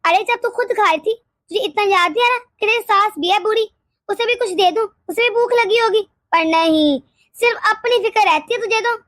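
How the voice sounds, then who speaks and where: Bossy old cartoon mother-in-law, super high voice, scolds nonstop. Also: moderate pace, no room sound, studio quality. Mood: scolding. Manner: nagging, scolding, sharp-tongued. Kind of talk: animated storybook voice acting.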